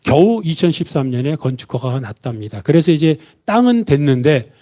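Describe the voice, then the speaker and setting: Brief: male preacher, slightly high and warm-toned, story-driven Sunday sermon with acted-out quotes. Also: very animated, fairly quick. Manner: storytelling, acting out quoted voices. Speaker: pastor.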